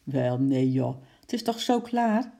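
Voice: medium pitch, big pitch swings, slow, gravelly, dark tone, exaggerated voice. A storyteller voicing a bold older boy who leads a break-in, talking brash and eager. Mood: scheming.

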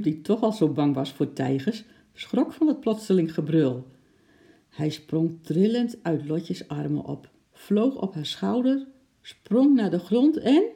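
A narrator reading a children's storybook aloud in a steady, expressive way. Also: medium pitch, creaky.

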